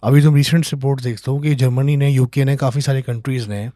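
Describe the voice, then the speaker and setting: A man's voice: mid-range voice, fairly even intonation, quick pace, mellow, no room sound, studio quality. A man with a Pakistani Urdu accent hosting a casual interview, opinionated and mixing English phrases into his talk. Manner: opinionated, mixes English phrases into Urdu, frequent agreeing hums. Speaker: podcast host.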